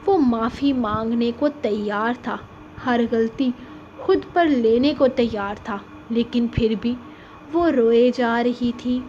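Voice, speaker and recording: A woman's voice: on the high side, a little mellow, lo-fi sound, a little hiss or hum. A woman narrating a romance novel in an audiobook reading, telling the story with drama.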